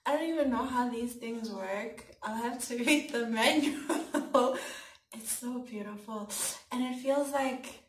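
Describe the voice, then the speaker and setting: A woman's voice: fairly high pitch, takes it slowly. A young woman from South Africa gushing and giggling as she unboxes a camera for her vlog. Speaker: vlogger. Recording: echoey room, far from mic, clear background noise.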